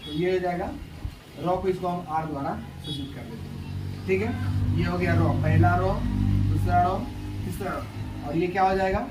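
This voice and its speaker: High-voiced male teacher in echoey room. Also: normal speed, pauses often, over music. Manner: repetitive, asks and answers his own questions. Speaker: math teacher. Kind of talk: classroom lecture. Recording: echoey room, distant mic, background noise.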